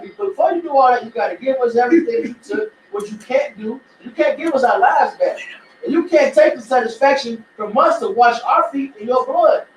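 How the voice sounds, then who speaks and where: A man's voice: very high voice, slight background noise. A man in a heated religious group discussion, talking vehemently and preachily, piling up "you gotta" and "man.". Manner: vehement, preachy, repeats 'man' and 'you gotta'. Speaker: discussion participant. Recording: echoey room, voice from a distance.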